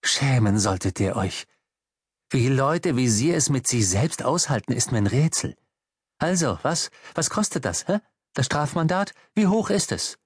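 A man's voice: mid-range voice, very animated, a little slow, husky, no room sound, studio quality. A man reading an audiobook, voicing a desperate middle-aged man who pleads and then hurls insults in a raised voice. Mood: abusive.

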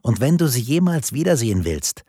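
A man's voice: mid-range voice, very animated, a little fast, dark tone, breathy edge, no echo, studio quality, pitched above the performer's own voice. A man voicing a cold male kidnapper on the phone who disguises his voice and speaks in a taunting, commanding way.

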